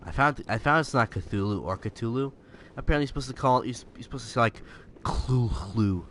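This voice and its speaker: A man's voice: mid-range voice, steady tone, racing, slight background noise. A young man casually commenting while playing a video game, musing and trailing off mid-thought. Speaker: gameplay streamer. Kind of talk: casual let's-play commentary. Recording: loud game sounds behind the voice.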